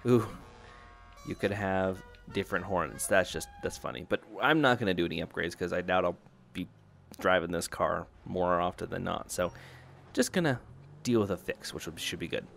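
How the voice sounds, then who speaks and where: A man's voice: deep voice, moderate pace, creaky, fairly bright tone, soft background music. A man giving casual gameplay commentary, rambling and chatty, often breaking off his own sentences. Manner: rambling, chatty, self-interrupting.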